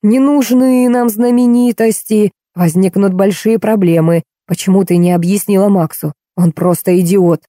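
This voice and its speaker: A woman's voice: mid-range voice, fairly even intonation, moderate pace, few pauses, warm tone, no room sound, clean studio sound, close to an everyday voice. A woman reading the lines of an irritable, slightly tipsy man who grumbles scornfully, in an audiobook.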